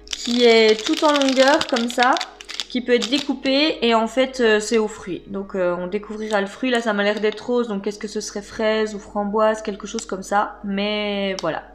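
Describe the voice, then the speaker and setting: A woman's voice: mid-range voice, fairly even intonation, moderate pace, noisy background. A woman chatting casually as she unboxes snacks for her channel, hesitant and full of fillers. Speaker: vlogger.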